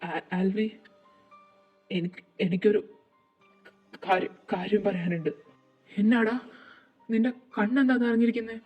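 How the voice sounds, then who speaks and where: A woman reading a fan fiction audio drama, voicing every character in a dramatic, halting way. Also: mid-range voice, steady tone. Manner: dramatic, voices all characters, halting with grief. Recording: dull lo-fi with faint music.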